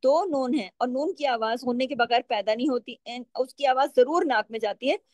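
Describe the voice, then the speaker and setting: A woman teaching Quran recitation rules step by step, patiently asking questions and answering them herself, and drawing out the recited words slowly. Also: high voice, a little mellow, no room sound. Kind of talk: step-by-step tajweed lesson.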